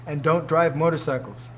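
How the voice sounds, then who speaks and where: A martial arts teacher in his sixties gives an informal talk to his students, speaking emphatically and leaning on rhetorical questions. His voice sits on the high side, and there's a little hiss or hum in the recording.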